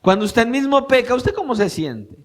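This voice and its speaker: A man with a notably high voice preaches to his congregation in church. He presses his points with rising emphasis, then drops into soft, intimate asides, and keeps turning rhetorical questions on his listeners. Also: sing-song, normal speed. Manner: swings between raised emphatic preaching and quiet intimate asides. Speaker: pastor. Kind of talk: sermon.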